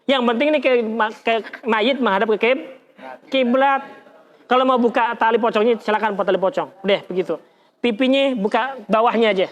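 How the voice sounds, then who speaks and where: A man's voice: a little fast, dull audio. A man teaching an Islamic study lesson. He demonstrates as he talks, asks his listeners questions and often exclaims. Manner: animated, colloquial, demonstrating with gestures, asks the audience questions; frequent pitch jumps and exclamations. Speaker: religious teacher.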